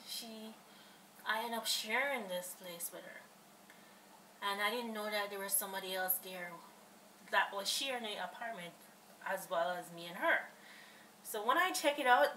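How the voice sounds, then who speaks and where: A woman's voice: medium pitch, normal speed, pushed and bright, echoey room, far from the mic, slight background noise, poor audio. A woman telling a rambling storytime vlog, retelling a quarrel in quoted speech and repeating herself as she goes. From Canada. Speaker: vlogger.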